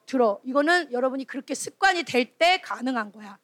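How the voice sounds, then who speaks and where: This is a woman preaching to a youth retreat with a high, bright-pitched voice. She is animated, keeps calling out questions, and breaks into little acted-out scoldings. The sound is close and dry. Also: brisk, dry recording. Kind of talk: lively sermon to children and teens.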